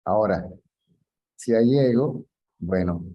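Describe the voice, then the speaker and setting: A man's voice: fairly low pitch, animated, slow pace. A man giving an informal spiritual teaching talk, telling anecdotes and often checking that his listener follows. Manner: conversational, often checks understanding, laughs at his own stories. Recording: dull lo-fi recording.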